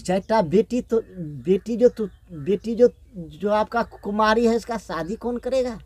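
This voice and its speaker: A man voicing a grieving, shrewd and quick-tempered queen who laments in a wailing sing-song. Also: medium pitch, warm tone, dry recording, natural voice. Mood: lamenting.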